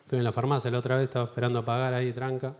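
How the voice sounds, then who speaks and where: A man with an Argentine accent doing a stand-up comedy set in a theater, telling animated stories and acting out voices. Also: medium pitch, very fast. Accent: Argentine Spanish. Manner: animated storytelling with acted-out voices. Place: large theater with live audience.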